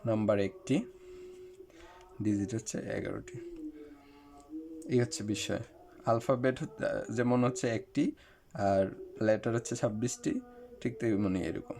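A man explains an English lesson step by step, talking straight to his viewers with the odd filler. His voice sits fairly low and has a dark, mellow tone. A faint hiss runs underneath the recording. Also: sing-song, measured pace, pauses often. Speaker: English teacher.

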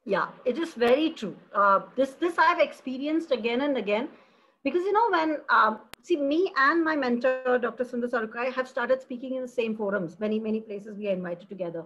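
Passionate, husky high-voiced woman professor. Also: brisk, low-quality recording. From India. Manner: animated, expressive, many restarts. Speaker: philosophy professor, interview guest. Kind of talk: passionate conversational interview.

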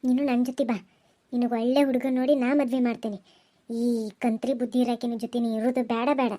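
A woman voicing a stern, protective middle-aged village aunt who scolds loudly, with a North Karnataka Kannada accent. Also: a little high, level tone, quick pace, lightly acted. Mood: scolding. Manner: scolding, threatening, loud.

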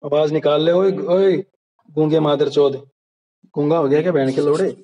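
Heated and insulting, a caller on a group voice call taunts the others, his voice on the high side, mellow, steady in tone and moderately paced. The phone call was screen-recorded, so the sound is lo-fi.

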